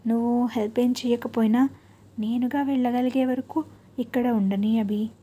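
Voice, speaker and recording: A woman voicing a patient young wife in a storybook who gently coaxes and pleads. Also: a little high, fairly even intonation, moderate pace, close to an everyday voice. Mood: pleading. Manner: gentle coaxing pleas.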